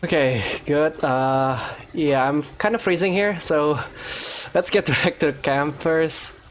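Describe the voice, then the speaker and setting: A gaming video host with a voice on the high side talks slowly through casual let's play commentary. He reacts aloud and talks to himself while faint game music plays behind him.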